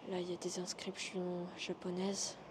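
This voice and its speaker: A woman casually narrating an exploration vlog in a hesitant, halting way, trailing off between observations. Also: fairly low pitch, completely flat delivery, background noise. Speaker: urban exploration vlogger. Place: inside a large abandoned hotel.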